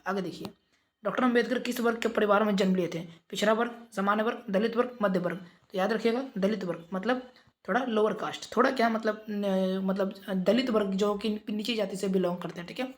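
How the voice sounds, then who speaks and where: Man, brisk exam revision teacher, rattles through quiz options at speed. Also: high-pitched. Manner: brisk, reads out quiz options, coaxing pupils.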